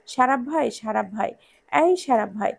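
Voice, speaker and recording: A timid young woman , played by the narrator herself, calling out and pleading. Her voice sits high and carries a strong gravelly fry. The audio storybook feel stays plain and close. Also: expressive, moderate pace, no room sound, exaggerated voice. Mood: coaxing. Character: timid young woman, teasing yet meek.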